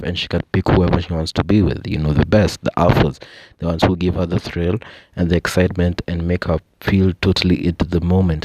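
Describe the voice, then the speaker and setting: A man's voice: sits low, darkish tone, no room sound. A young adult man with a Kenyan accent, hosting a casual monologue, explaining ideas with frequent "you know" and "I think" asides. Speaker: podcast host.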